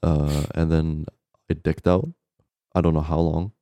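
A man's voice: very deep voice, little pitch movement, measured pace, mellow, no echo. A young man co-hosting a podcast, casually recounting things in sweary, bro-ish frat-boy slang. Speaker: podcast co-host. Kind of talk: casual chat, storytelling.

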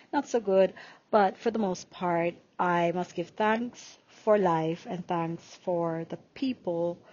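Born in Jamaica with Jamaican Patois as her first language, this woman in her forties hosts a podcast and works as a spiritual healer. In an unscripted monologue she speaks very slowly with a slight Jamaican accent, drawing out words as she lists things in a lowish, somewhat mellow voice. The audio is dull and lo-fi.

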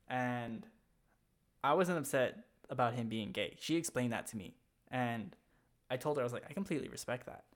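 A young man talking in a casual chat, rambling and halting with many fillers. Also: medium pitch.

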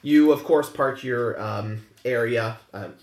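A man narrating a tabletop game as game master, halting with many fillers. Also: medium pitch, echoey room. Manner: halting, lots of fillers and laughs.

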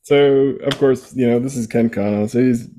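A man's voice: mid-range voice, fairly even intonation, moderate pace, warm tone, slight background noise. A man co-hosting a podcast, giving a wry, conversational recap of a comic book. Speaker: podcast co-host.

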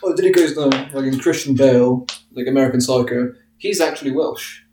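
A man's voice: medium pitch, a little fast. Rambling man in an echoey room. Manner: rambling, laughs often, many fillers. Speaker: podcast co-host. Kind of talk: casual chat. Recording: echoey room, faint noise.

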